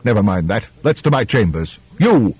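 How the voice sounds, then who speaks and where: A man's voice: lowish voice, very animated, normal speed, a little mellow, breathy edge, dry recording. A man voicing an impatient, hot-tempered king who barks brusque orders.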